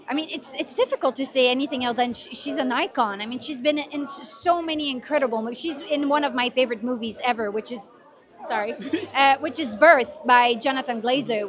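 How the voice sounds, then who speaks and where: A woman interviewed on a red carpet, gushing with admiration and often searching for her words. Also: sits high.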